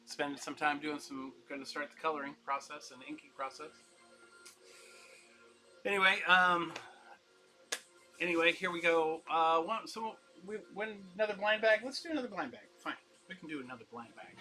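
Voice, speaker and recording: A man's voice: fairly high pitch, normal speed, pushed and bright, soft background music, rough recording. A man running a casual live-stream comic auction, chatty and upbeat, rambling and laughing as he talks.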